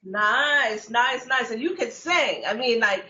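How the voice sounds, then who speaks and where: A woman's voice: fairly high pitch, lively intonation, slow pace, bright, forceful tone. A woman hosting a casual talk show, teasing her guests and laughing often. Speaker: host. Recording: lo-fi, roomy sound.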